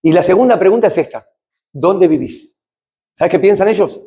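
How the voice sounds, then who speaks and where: A middle-aged Argentine man with a Rioplatense accent gives a talk on addiction in church. His voice sits high for a man and has a husky, breathy grain. He talks to the room like a conversation, asks questions, and moves from loud to hushed. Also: normal speed. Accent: Rioplatense Spanish. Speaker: addiction recovery speaker.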